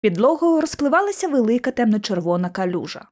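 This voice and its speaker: A woman narrating an audiobook in a clear, expressive way, her voice slightly higher than most. She tells the story steadily, shaping each scene with care. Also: quick pace. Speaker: audiobook reader.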